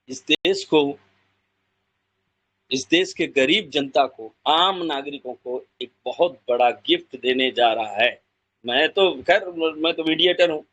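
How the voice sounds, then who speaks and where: A man giving an emotional motivational address to a gathering, fervent and repetitive, swinging between loud bursts and slow drawn-out phrases. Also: on the high side, slightly rough, rough recording. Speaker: speaker addressing Pi pioneers.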